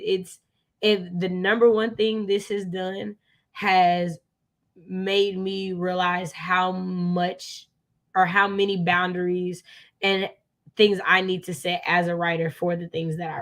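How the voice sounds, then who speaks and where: Co-hosting a live book readalong, an American woman offers casual, opinionated book chat, emphatic and fond of repeating phrases to make a point. Here her voice is medium-pitched and steady, a little slow.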